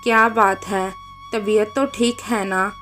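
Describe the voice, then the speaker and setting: A woman voicing a gentle, patient middle-aged mother in a read-aloud story, speaking soothingly. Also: mid-range voice, fairly even intonation, takes it slowly, faint music behind. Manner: soothing and conciliatory.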